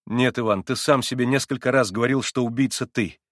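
Alyosha, a man doing a gentle earnest young man. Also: mid-range voice, steady tone, dry recording, clean studio sound, close to an everyday voice. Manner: quiet, slow and earnest.

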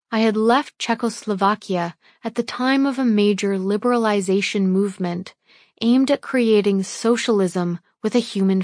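A woman reading a first-person memoir aloud in a measured, steady narration. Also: mid-range voice, no echo, studio quality. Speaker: audiobook narrator.

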